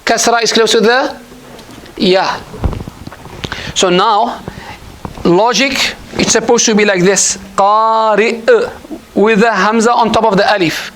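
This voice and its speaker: A man's voice: high-pitched, fairly even intonation, takes it slowly, pauses often, a bit bright, a little hiss or hum, low-quality recording. A man teaching an Arabic grammar class at a mosque, patient and repetitive, often quizzing his students. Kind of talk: classroom lesson.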